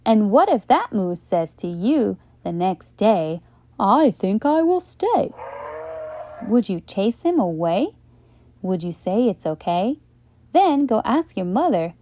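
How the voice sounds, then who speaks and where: A woman hosting a children's channel, reading a bedtime story aloud in a gentle, questioning way. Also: medium pitch, sing-song, a little slow, dry recording. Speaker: storyteller host.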